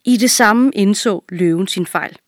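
A woman reading a children's fable aloud at an even, clear pace. Her voice sits mid-range, recorded close and dry. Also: medium pitch, no echo. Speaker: reader.

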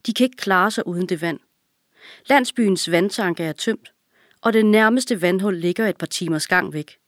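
A woman narrating a children's audiobook in a calm, even storytelling manner. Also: mid-range voice, dry recording, studio quality.

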